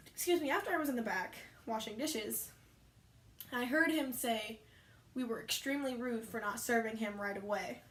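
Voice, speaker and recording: A young woman casually telling rambling stories about her work, often correcting herself as she goes. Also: a little high. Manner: rambling, chatty, self-correcting. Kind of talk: casual storytime chat. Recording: echoey room.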